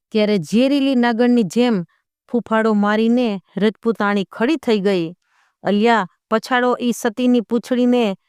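A woman storyteller narrating an old folk tale, measured and expressive. Her voice is smooth and clear at an ordinary pitch. It is recorded dry and close, with no room sound. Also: dry recording.

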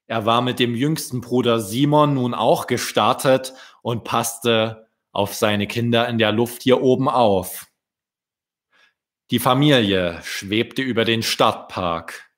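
A man, a children's book author, reading his story aloud in a deliberate storytelling manner. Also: mid-range voice, fairly bright tone.

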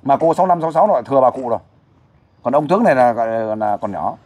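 A male host talks at a brisk clip in a middle-pitched voice. He is blunt and talkative, coaxing his guest along in a casual interview. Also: lively intonation, darkish tone, slightly rough.

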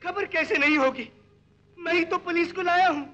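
A man's voice: very high-pitched, normal speed, pushed and bright, soft background music. An actor playing an earnest, simple village man who speaks with impassioned pleading and swears oaths, on an old film soundtrack. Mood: frantic. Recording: dull 1960 film soundtrack.

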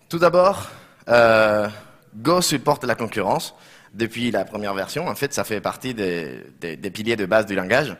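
Man, thirties, Spanish accent, medium pitch, slightly broken French, hesitant rephrasing, technical conference presentation. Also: a bit bright. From Barcelona, Spain. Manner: slightly broken non-native French, hesitant with frequent reformulations. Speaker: conference speaker, software developer. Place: conference room, indoors.

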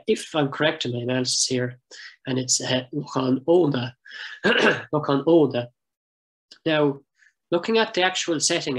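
Measured man explaining place names. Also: mid-range voice, a bit bright, rough recording. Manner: measured, explanatory, clears throat often, slows to spell out pronunciations. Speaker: project coordinator giving a talk. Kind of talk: online heritage lecture.

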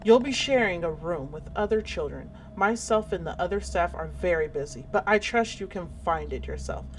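A woman's voice: lowish voice, lively intonation, moderate pace, a little hiss or hum, close to an everyday voice. A woman voicing a strict, scolding asylum nurse in a horror game, with a cold, commanding manner.

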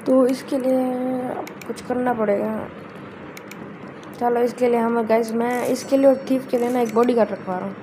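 A woman's voice: a little high, normal speed. A woman hosting a gameplay video, giving chatty, casual commentary as she plays and often addressing her viewers as guys. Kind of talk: casual let's-play commentary. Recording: steady background noise.

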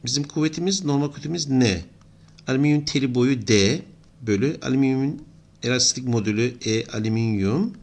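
A man's voice: medium pitch, fairly quick, a little mellow. A middle-aged man giving an engineering lesson, explaining steadily and thinking aloud as he writes. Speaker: engineering lecturer. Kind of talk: whiteboard lesson.

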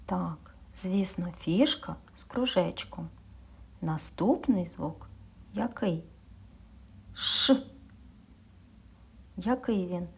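A woman's voice: fairly low pitch, very slow, vocal fry, long pauses, slightly rough. A woman kindergarten teacher giving a speech lesson to young children, patiently asking questions and answering them herself, sometimes dropping to a whisper.

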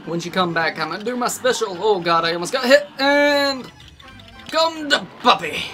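Excitable, bright-voiced gamer. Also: medium pitch, moderate pace, soft background music. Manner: excitable, exclaims often while playing. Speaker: let's play gamer. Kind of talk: gameplay commentary.

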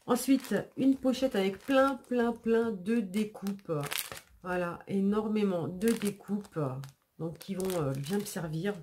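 A woman's voice: medium pitch, slow, darkish tone, a little hiss or hum. A woman hosting a scrapbooking channel, unboxing mail in a casual, chatty way with many hesitations and repeated words, sniffling a little. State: sniffling after sneezing.

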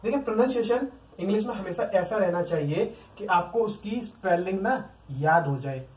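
A man's voice: sits high, animated, normal speed, darkish tone. A man with an Indian accent teaching an exam-prep vocabulary lesson. He drills words by repeating them over and over and keeps asking the class questions. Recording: echoey room, mic at a distance.

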